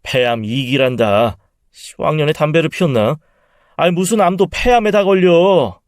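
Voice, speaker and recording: A man's voice: on the high side, lively intonation, moderate pace, dry recording, clean studio sound, lightly acted. A man playing a spiteful, scheming son-in-law. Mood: sneering. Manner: contemptuous, then flustered and pleading.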